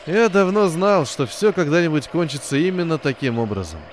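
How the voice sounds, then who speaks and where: A man voicing a weathered pilot who speaks slowly and calmly, resigned to his fate. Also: on the high side, slight background noise, close to an everyday voice. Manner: slow and resigned. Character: calm, fatalistic older pilot man.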